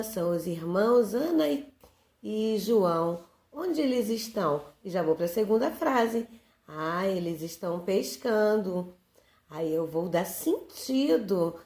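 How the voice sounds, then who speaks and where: Slow, patient Brazilian teacher woman. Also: medium pitch, warm tone. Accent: Brazilian Portuguese. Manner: patient, asks questions and answers them herself. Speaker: primary school teacher. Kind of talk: recorded review lesson for young children. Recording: echoey room.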